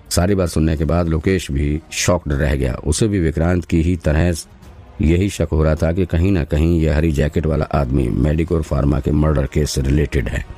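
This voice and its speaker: A man reads a scripted audio story aloud in a steady storytelling manner. His voice is very deep, mellow and dark. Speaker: narrator.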